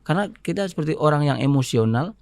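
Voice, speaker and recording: Gravelly-voiced Indonesian man, measured. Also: fairly high pitch, animated, a little mellow, no echo, clean studio sound. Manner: measured, fills pauses with "apa namanya". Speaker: podcast guest. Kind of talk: casual interview talk.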